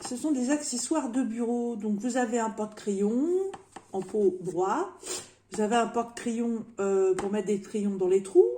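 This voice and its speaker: A woman in her fifties rambles cheerfully through a shopping haul at home, full of fillers and little jokes. Her voice sits fairly high and mellow, and she takes her time. The room sounds echoey, with a faint noise behind her. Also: unhurried. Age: 50s. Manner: rambling and jokey, with many fillers and repeated words. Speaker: vlogger showing a shopping haul. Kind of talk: casual chatty haul video.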